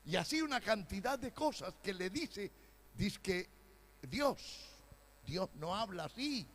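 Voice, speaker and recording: Un pastor predicando un sermón con énfasis, alternando pasajes pausados con arrebatos fuertes e imitaciones burlonas. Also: male voice, high voice, very animated. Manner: emphatic preaching with sudden loud outbursts and mocking quoted voices. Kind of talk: sermon.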